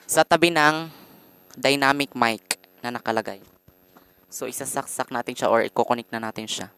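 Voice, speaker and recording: A man with a Filipino accent, giving a casual how-to vlog with lots of pauses and fillers, talking into a condenser microphone. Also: mid-range voice, fairly bright tone, slight background noise. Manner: hesitant, fillers and frequent pauses; addresses viewers politely as guys. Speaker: vlogger. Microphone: condenser mic through a sound card.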